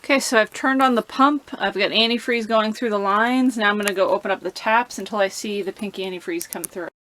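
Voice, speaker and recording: A woman's voice: medium pitch, fairly quick, a bit bright. A woman vlogger giving a laid-back, informal how-to explanation, chatting casually to the camera. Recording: clear background noise and ambience.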